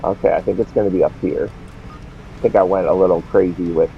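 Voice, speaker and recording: A man's voice: low voice, steady tone, brisk, creaky, slight background noise. A man streaming a game live, rambling and talking to himself as he plays. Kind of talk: casual live gameplay commentary. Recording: dull lo-fi stream audio.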